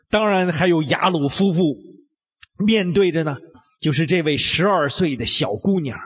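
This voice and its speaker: Man, high lively voice, husky, dramatic Bible storytelling, dull lo-fi recording. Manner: animated, swings between whispers and exclamations.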